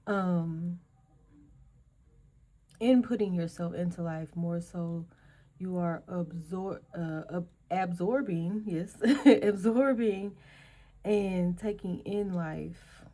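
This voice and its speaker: Hosting an energy reading, a woman with a low, mellow voice and fairly even intonation names words one at a time, pausing and using fillers. She halts often, and because her voice is going, she keeps clearing her throat.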